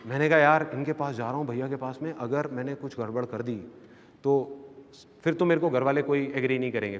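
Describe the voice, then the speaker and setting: Lively male speaker in a reverberant hall. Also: a little high. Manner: lively storyteller acting out family members' voices. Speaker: motivational speaker. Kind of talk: storytelling seminar talk. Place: seminar hall with live audience.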